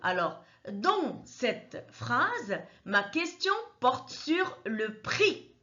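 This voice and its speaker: A woman teaching a grammar lesson, explaining each example slowly and methodically and repeating the key points. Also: a little high, big pitch swings, pushed and bright, lo-fi sound. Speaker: French teacher.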